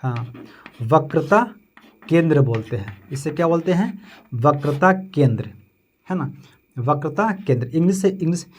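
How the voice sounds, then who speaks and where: Teaching a physics lesson in a Bihari Hindi accent, this man asks questions and answers them himself, repeats terms, and checks understanding with 'समझे?' and 'है ना'. He speaks at a moderate pace with frequent pauses in a fairly high, expressive, husky voice.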